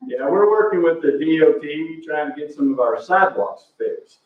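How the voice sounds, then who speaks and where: A man chairing a public board meeting, a bit out of breath, relaxed and halting with fillers. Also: a little high. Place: council meeting room. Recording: distant, roomy, tinny phone-like audio.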